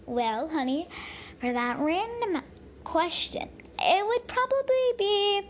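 A young girl voicing a sweet, affectionate mother who muses slowly and calls her child honey, in a home-made story. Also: extremely high pitch, lively intonation, slight background noise, voice pushed up, full character voice.

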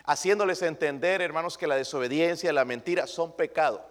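A man's voice: on the high side, brisk, in a large hall. A male pastor preaching a sermon emphatically, throwing rhetorical questions at his congregation.

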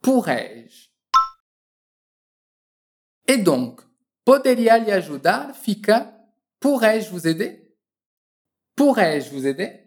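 A woman teaching a French lesson, encouraging the listener and drilling phrases slowly and precisely for them to repeat. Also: medium pitch, sing-song, a little mellow.

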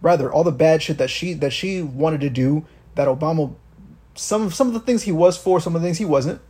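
A man's voice: fairly high pitch, fairly quick, mellow, husky. A young man from Miami co-hosting a podcast, ranting about politics in casual, profane talk full of restarts. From Miami, Florida. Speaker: podcast co-host.

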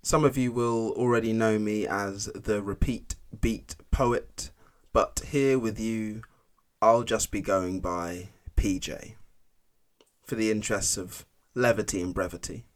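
A man's voice: fairly low pitch, steady tone, a little slow. A man who drops his T's, presenting a scripted podcast introduction as its playful host.

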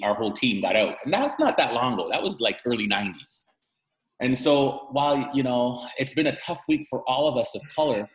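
A middle-aged man from Guyana, a guest speaking candidly and emphatically over a video call, his voice climbing sharply when he gets angry. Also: fairly low pitch. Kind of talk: candid interview conversation. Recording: echoey room over a call.

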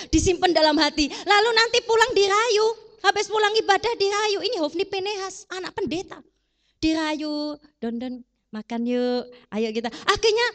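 A woman preacher giving a sermon in a casual, animated way, asking the congregation rhetorical questions. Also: sits high.

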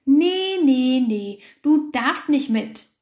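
A woman's voice: sits high, lively intonation, extremely slow, darkish tone, echoey room, pitched above the performer's own voice, exaggerated voice. A woman voicing a grumpy, cold little porcupine that scolds and grumbles, in a storybook reading. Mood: furious. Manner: scolding, indignant.

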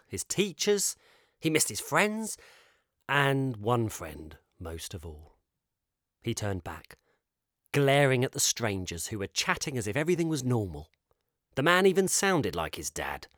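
A man narrating a children's storybook in an expressive, measured way. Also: medium pitch, no echo, studio quality.

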